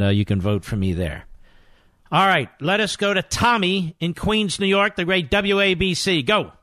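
A man hosting a talk radio show, speaking forcefully and asking indignant rhetorical questions. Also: lowish voice, no echo, studio quality. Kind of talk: talk radio monologue and call-in.

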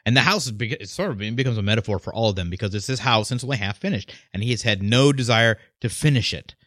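A low-voiced man muses about a film on a radio show, wandering through his thoughts. The studio is dry and close. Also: lively intonation, fast talker, a bit bright, dry recording. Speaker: radio film review co-host. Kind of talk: casual radio chat.

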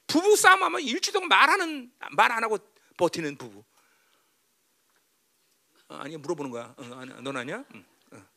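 A pastor preaching a sermon, swinging from quiet, chatty asides to loud, tearful preaching, and often asking his listeners whether they agree. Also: high-pitched, expressive, fairly quick, creaky, pauses often. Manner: keeps asking the listeners "right?". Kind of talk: sermon with banter to the congregation.

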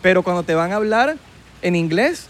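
A man's voice: high voice, moderate pace, slight background noise. A man with a Venezuelan accent hosting a podcast, chatting casually and playfully, joking around. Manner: playful, animated, jokes in mock accents. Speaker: podcast host. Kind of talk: casual chat.

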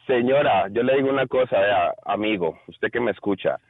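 A man's voice: on the low side, a little fast. Colombian guy calling in over a tinny phone line, joking around, talking right at the listeners. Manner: addresses listeners directly, laughing at his own jokes. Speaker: caller. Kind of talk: joking top-ten list over the phone.

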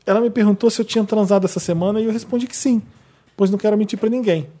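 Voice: mid-range voice, racing, warm tone. A podcast co-host reading a listener's letter aloud with playful, wry asides. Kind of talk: casual chat, reading aloud.

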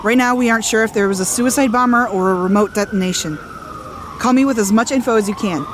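A woman's voice: a little high, fast talker, lightly acted. A woman playing a no-nonsense investigator in an audio drama. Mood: businesslike. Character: brisk, no-nonsense female police investigator. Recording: loud sirens and vehicle noise.

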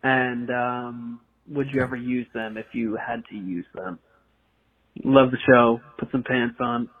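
Slow-talking young man on a voicemail. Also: medium pitch, fairly even intonation. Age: 20s. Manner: slow, halting delivery. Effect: phone voicemail. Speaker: caller. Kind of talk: leaving a voicemail question. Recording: tinny phone line voicemail.

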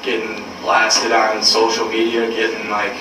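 A young man speaking candidly to his team in a halting, earnest, blunt way with swearing, caught on a secret recording. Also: fairly low pitch, monotone. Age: young adult. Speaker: college basketball player. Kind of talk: candid speech at a team meeting. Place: indoor room, captured from far off. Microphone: hidden recorder, far from the speaker. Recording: secret recording, distant, echoey, noisy, muffled room sound.

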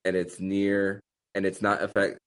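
A man hosting a sports podcast in casual discussion, haltingly repeating words as he thinks. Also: low voice, little pitch movement, a bit bright.

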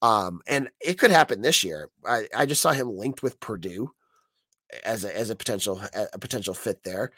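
An American man with a hoarse, croaky frog voice from being sick gives opinionated, conversational sports commentary as a solo podcast host. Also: lowish voice, animated, moderate pace, a bit bright, no echo.

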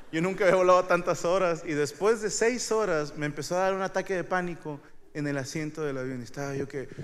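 A middle-aged man with a Mexican accent doing a stand-up comedy monologue, crude, rambling and self-mocking, with sudden loud shouts. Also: fairly high pitch, in a large hall. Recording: noisy live stage recording. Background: audience laughter.

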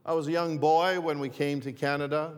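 A man preaching a sermon as pastor, repeating and restarting his phrases in a deliberate way. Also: a little high, flat delivery, in a large hall. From northern Greece.

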